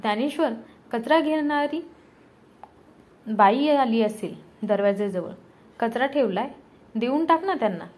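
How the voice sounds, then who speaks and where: Affectionate young wife, soft and coaxing, fairly high voice; a woman voices her. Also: expressive, a little slow, long pauses.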